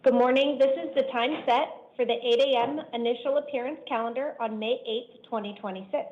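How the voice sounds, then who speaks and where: A woman judge runs the calendar from the bench in a measured, formal, deliberate manner. Her fairly high voice comes through a dull, lo-fi courtroom recording from a bench microphone. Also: fairly even intonation.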